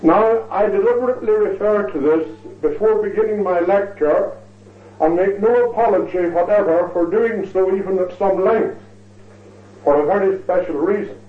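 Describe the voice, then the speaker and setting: Man, high voice, formal lecturer, ornate delivery, heard through a thin, phone-like recording. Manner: measured, ornate, repeats phrases for emphasis. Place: lecture hall. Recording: tinny, echoey recording from far off.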